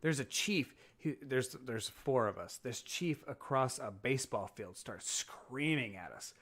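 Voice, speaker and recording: Brief: male veteran storyteller, animated, profane, mid-range voice. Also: mid-range voice, unhurried. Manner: animated, acts out shouting in quotes, swears freely. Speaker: former submariner telling sea stories. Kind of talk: casual storytelling chat.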